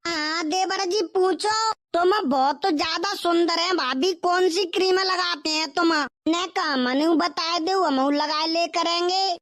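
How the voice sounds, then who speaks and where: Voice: extremely high pitch, steady tone, unhurried, a bit bright. A performer voicing a teasing village brother-in-law and his sister-in-law in a cartoon skit.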